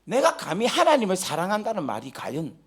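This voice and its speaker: A man preaching a sermon, telling stories animatedly, joking with the congregation and rising to shouts when stirred. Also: high voice, huge pitch swings, fairly quick, breathy edge. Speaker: guest pastor. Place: church sanctuary during a live service.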